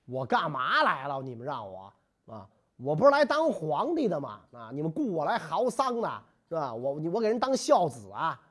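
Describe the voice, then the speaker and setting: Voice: mid-range voice, sing-song, moderate pace, husky, pitched below the performer's own voice. A storyteller voicing a spoiled young prince who whines and makes excuses in a history storytelling podcast. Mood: indignant grumbling. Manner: whining, protesting.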